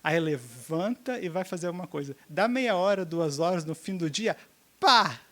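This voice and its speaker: Addressing educators in a seminar on teaching, this man speaks in a high-pitched, animated voice with a fairly bright tone and normal speed. His accent is Brazilian Portuguese, and he keeps engaging the room and performing short dialogues.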